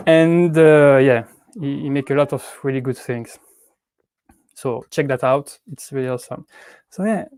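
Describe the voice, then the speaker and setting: A Swiss man in his thirties with a French accent hosts a YouTube prop-making channel and chats casually on a livestream from home with his cats. His mid-range voice is smooth and a little mellow at a moderate pace, hesitant with lots of fillers and restarts, and there's no room sound.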